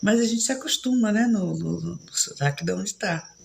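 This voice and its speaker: A woman's voice: medium pitch, moderate pace, creaky, a little hiss or hum. A woman in her fifties from São Paulo, with a São Paulo accent mixed with Bahian, chatting casually and rambling as she hosts a live stream and reads viewer comments. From São Paulo, Brazil. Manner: chatty, rambling, frequent tag questions. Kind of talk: casual chat.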